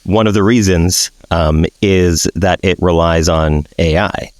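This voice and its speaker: A man co-hosting a podcast, talking in a relaxed, blunt way with lots of fillers. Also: low-pitched, a little slow, no echo. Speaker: podcast co-host. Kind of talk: casual chat.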